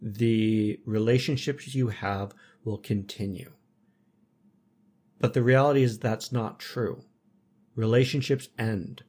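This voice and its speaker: A man hosting a podcast who speaks in measured, reflective statements during casual chat. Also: on the low side, darkish tone, breathy edge. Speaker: podcast host.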